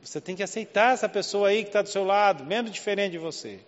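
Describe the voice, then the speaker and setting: A pastor from Southeast Brazil, speaking Portuguese with that region's accent, preaches a conversational sermon packed with rhetorical questions in a church hall. His voice sits high and moves fast, and the recording is lo-fi with a big-room sound.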